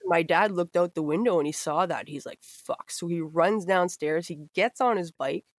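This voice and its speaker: A woman's voice: lowish voice, normal speed, no room sound. Young woman host, casual profane storyteller, dry mic. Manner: profane, laughing, animated anecdotes. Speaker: podcast host.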